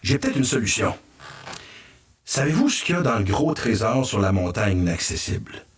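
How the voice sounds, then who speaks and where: A man's voice: mid-range voice, sing-song, moderate pace, far from the mic, pitched below the performer's own voice, natural voice. A man with a Québécois accent voicing a giant golden dragon who protects his bees and talks grandly to them. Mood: scheming. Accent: Québécois French.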